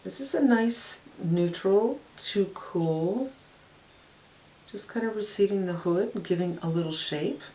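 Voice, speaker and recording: A woman's voice: medium pitch, a little slow, mellow, low-quality recording. An older woman narrating a casual makeup tutorial, giving a frank, matter-of-fact review of eyeshadows as she swatches and applies them. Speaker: beauty vlogger.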